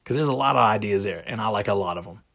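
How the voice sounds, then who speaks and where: A man's voice: lowish voice, fast talker, gravelly, fairly bright tone. A man hosting a motivational podcast monologue, speaking directly and emphatically with rhetorical questions. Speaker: podcast host.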